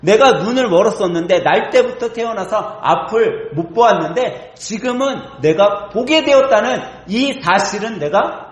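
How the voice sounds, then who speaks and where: A man's voice: high voice, lively intonation, normal speed, hardly any pauses, echoey room, voice pushed up. A pastor voicing a bold man healed of blindness. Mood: earnest. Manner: earnest testimony.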